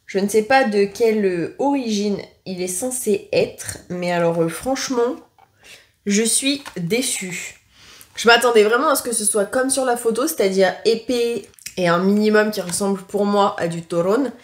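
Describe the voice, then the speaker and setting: A woman giving a casual taste-test review to camera, talking frankly and often pausing on filler sounds and restarts. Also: medium pitch. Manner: chatty and frank, leaning on "franchement" and "concrètement"; hesitant, with frequent filler sounds and self-corrections. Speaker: food tasting vlogger.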